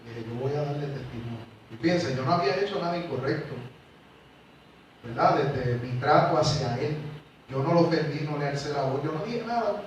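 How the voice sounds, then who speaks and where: Pastor preaching in an echoey hall. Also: male voice, fairly high pitch, normal speed, a little hiss or hum. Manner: animated storytelling, acts out dialogue, swings from loud to quiet. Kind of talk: sermon with personal testimony. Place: large church sanctuary. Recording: echoey hall, mic from far off.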